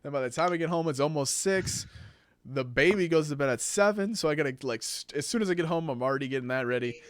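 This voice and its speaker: A man's voice: on the high side, lively intonation, fast talker, clear, resonant tone, dry recording. Easygoing man in his late 20s hosting. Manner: rambling, easygoing, many "like" fillers. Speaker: podcast host and streamer. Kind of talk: casual podcast chat.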